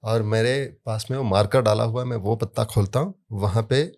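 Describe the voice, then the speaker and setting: Speaking at a moderate pace, this sound therapy guest has a low voice and an easygoing, explanatory style, threading family anecdotes through what he says. Important words get sudden emphatic lifts before he returns to a calm, level delivery.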